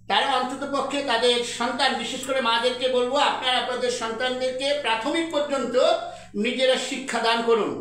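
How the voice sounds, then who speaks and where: A young man teaching a grammar lesson, slowly repeating sounds to drill pronunciation. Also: very high voice, pushed and bright. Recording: very echoey room, mic at a distance.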